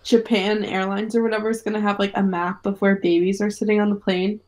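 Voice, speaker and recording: A woman's voice: medium pitch, flat delivery, brisk, darkish tone. A young woman co-hosting a casual podcast, reading out odd news headlines and giggling. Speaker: podcast co-host bringing headlines. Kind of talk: casual chat.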